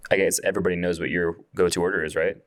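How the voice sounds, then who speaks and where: A man's voice: deep voice, flat delivery, racing. A man co-hosting a podcast, bantering and joking in casual chat. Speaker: podcast co-host.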